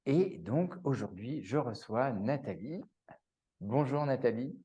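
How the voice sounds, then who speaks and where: A man's voice: medium pitch, lively intonation, slow pace, dark tone, breathy edge. A man hosting an interview show, introducing his guest with enthusiasm and some fillers. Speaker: podcast host.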